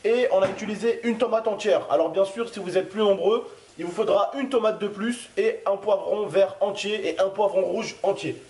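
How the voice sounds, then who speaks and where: High-voiced man chatting in an echoey kitchen. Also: moderate pace, darkish tone. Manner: chatty, joking, addresses viewers directly. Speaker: cooking video host. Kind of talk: casual cooking demonstration. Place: home kitchen. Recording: roomy kitchen with frying noise. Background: sizzling pan.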